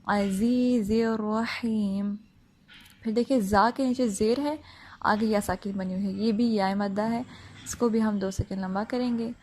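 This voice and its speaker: Female tajweed teacher, mid-pitched, patient and methodical, checks the listener often, light background noise. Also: steady tone, a little mellow. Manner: slow drawn-out recitation, then plain step-by-step explaining. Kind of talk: Quran recitation lesson.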